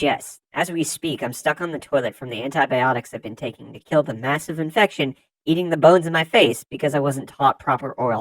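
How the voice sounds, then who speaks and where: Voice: mid-range voice, no room sound, poor audio. Dry, close-miked narrator reading forum posts. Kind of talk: scripted narration.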